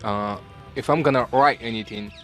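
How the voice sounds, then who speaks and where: A man talks loosely in a casual group interview. His voice sits at an ordinary pitch, and he gets animated, now and then jumping high to act out puzzled people. Soft music plays in the background. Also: moderate pace. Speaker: student interviewee.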